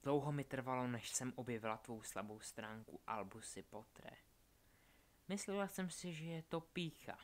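A man's voice: mid-range voice, animated, natural voice. A man voicing a cruel, scheming young witch who taunts and threatens. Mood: menacing. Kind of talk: audiobook character voice.

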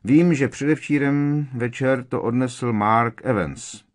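A man voicing a sharp-tongued, defiant teenage boy who needles with sarcasm. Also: mid-range voice, pitched above the performer's own voice, natural voice. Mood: mocking.

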